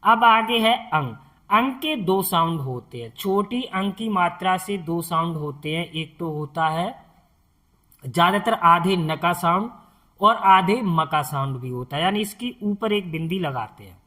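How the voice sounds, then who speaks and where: Slow, patient male Hindi tutor. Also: high voice, lively intonation, pushed and bright. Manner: patient, repeats sounds and quizzes the viewer. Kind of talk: slow step-by-step lesson.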